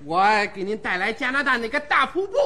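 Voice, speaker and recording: A man's voice: very high-pitched, lively intonation, fast, sharp tone. A man, a foreign comedian from Canada, performing crosstalk with earnest, naive-sounding comic reasoning. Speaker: foreign comedian, student of the troupe. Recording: stage before a live audience.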